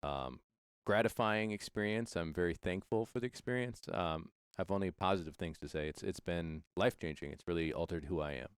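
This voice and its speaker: Casting: man, esports coach, very low voice, smooth and clear, earnest and reflective. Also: fairly quick, no echo, studio quality. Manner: earnest and reflective, many fillers and restarts. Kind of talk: casual interview.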